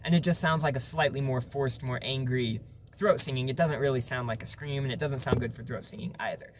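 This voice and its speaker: A man's voice: medium pitch, fairly even intonation, brisk, noisy background. A man giving an informal, explanatory tutorial on vocal technique, stressing points through repetition.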